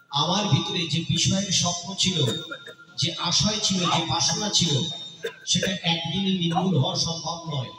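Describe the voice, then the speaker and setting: A man's voice: high-pitched, sharp tone. A man preaching a devotional sermon in a rhythmic, repetitive cadence, sometimes breaking into song. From Bangladesh. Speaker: Bhagavata preacher. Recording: echoey hall, voice from a distance.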